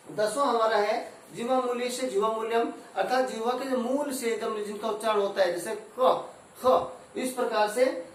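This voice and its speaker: A man teaching a Hindi grammar lesson. He recites Sanskrit sutras and then explains each one step by step. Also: very high voice. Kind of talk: classroom-style grammar lesson. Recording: very echoey room, voice from far off, faint background noise.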